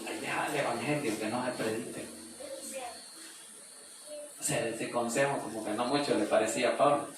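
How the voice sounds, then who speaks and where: A male preacher leads a conversational Bible study. He reads a verse and then retells it in homely, plain speech. His voice is medium in pitch and rings around a very echoey church room, picked up from well back off the mic, with a faint hiss of noise underneath. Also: fairly even intonation, normal speed, pauses often, distant mic.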